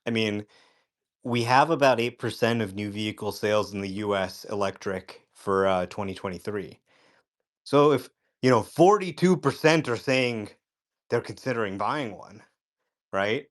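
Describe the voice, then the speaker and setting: A man speaking as a guest in a live chat, telling stories in an animated way and imitating other people's voices. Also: fairly low pitch, moderate pace. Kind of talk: casual conversation.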